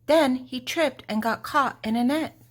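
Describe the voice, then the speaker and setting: An older woman with a high-sitting voice reads a children's storybook with lots of expression. She uses deliberate dramatic pauses and leans on key words for emphasis.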